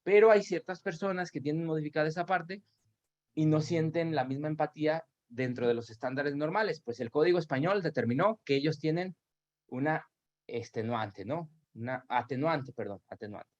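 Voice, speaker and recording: A man's voice: fairly high pitch, moderate pace. A man with a Mexican accent giving an academic lecture over videoconference, explaining at length with tag questions and self-corrections. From Aguascalientes, Mexico. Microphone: video call. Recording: dull lo-fi video call audio.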